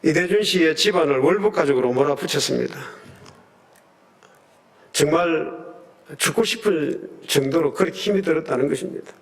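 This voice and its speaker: A male pastor delivering a sermon in a church, pitched a little higher than most men. He tells the story earnestly and with emphasis, acting out the quoted lines. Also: lively intonation, normal speed, vocal fry, pauses often. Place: church sanctuary.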